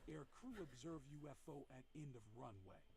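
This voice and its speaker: Guy doing a flat documentary voiceover, kinda gravelly, mono sound stuck in the left ear only. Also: mid-range voice, moderate pace, a crowd in the background. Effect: heard in one ear only, mono audio in the left channel. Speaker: video narrator. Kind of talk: scripted documentary narration.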